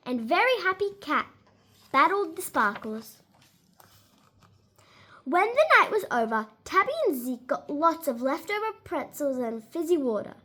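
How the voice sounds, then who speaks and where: For an audience of young children, a woman reads a storybook aloud. She has a high voice and paces her reading deliberately, with lots of expression.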